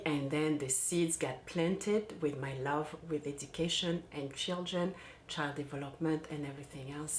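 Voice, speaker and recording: A woman speaks in a low voice, chatty and easygoing, restarting her sentences as she tells her own story. She talks to camera as a parenting coach, and the sound comes from an echoey room. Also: a little hiss or hum. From France. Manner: warm, chatty, with restarts and fillers. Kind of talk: casual personal vlog.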